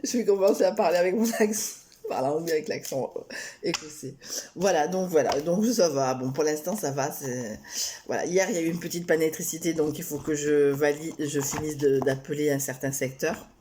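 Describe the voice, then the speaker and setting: A woman reading tarot cards in a casual vlog, talking in a rambling way with many hesitations and restarts, turning animated and giggly when she jokes. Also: low-pitched, brisk, slight background noise. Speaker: tarot card reader.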